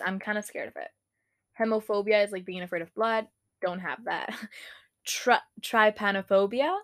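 A woman's voice: medium pitch, smooth, dry recording, clean studio sound. A young woman hosting a casual solo podcast, giggling and swearing freely as she reads a list aloud and reacts to it. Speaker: podcast host.

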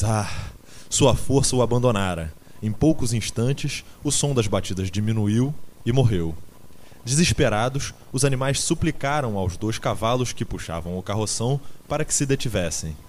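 A man narrating an audiobook in a measured, dramatic storytelling manner. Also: medium pitch, darkish tone, a little hiss or hum.

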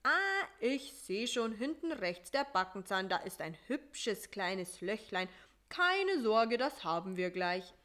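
A woman voicing a slight male mosquito dentist in a storybook reading, polite and fussy, with a brisk bedside manner and a voice raised a little above her own. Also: medium pitch, very animated, fairly bright tone. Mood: soothing.

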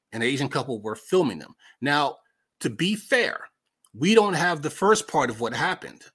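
A man with an American accent hosts a podcast, delivering casual, opinionated political commentary. His voice sits at medium pitch with a slightly bright quality, and he talks in a conversational, emphatic way, repeating himself for effect.

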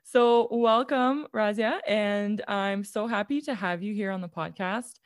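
A woman's voice: medium pitch, a little slow, dry recording. Lady hosting a podcast, reads the intro then chimes in encouraging, dead dry sound. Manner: warm scripted introduction, then encouraging interjections. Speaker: podcast host. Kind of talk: podcast interview.

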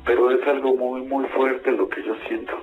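A man's voice: mid-range voice, flat delivery, normal speed. A young male caller giving hesitant, distressed answers on an archive radio show. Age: young adult. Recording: phone line on archive radio.

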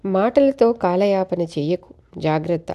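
A woman doing a slow menacing masked thief. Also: fairly low pitch, animated, dark tone. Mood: threatening.

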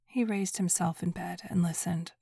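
A woman narrating a story in a soft, breathy whisper, hushed and even. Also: on the low side, normal speed, dry recording, studio quality.

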